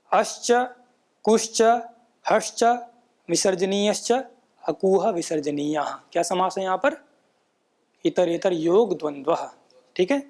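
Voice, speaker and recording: A man giving a patient, explanatory lesson on pronunciation, often checking in with tag questions and chanting rules in a measured recitation. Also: high voice, a little mellow. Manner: patient, repeats points with frequent "है ना" tag questions. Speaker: Sanskrit pronunciation teacher. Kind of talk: explanatory lecture.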